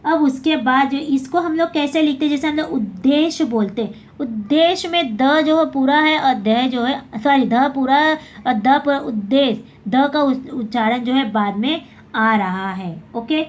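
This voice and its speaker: A woman's voice: high-pitched, a little slow, dull audio. A woman teaching a basic Hindi lesson, explaining step by step and often correcting herself.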